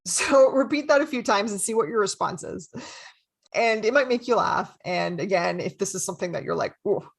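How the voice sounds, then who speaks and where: A young adult woman, a therapist hosting a podcast, talking casually and with self-deprecating humor, then guiding a slow, gentle meditation. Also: mid-range voice, expressive, creaky, slightly rough. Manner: friendly and self-deprecating, laughs lightly.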